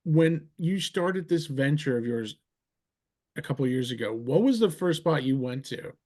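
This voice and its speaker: A man's voice: on the high side, expressive, darkish tone. A middle-aged man from New Jersey hosting a casual interview, talking in an enthusiastic, rambling way. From New Jersey, USA. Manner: enthusiastic, rambling, quick asides. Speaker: podcast host.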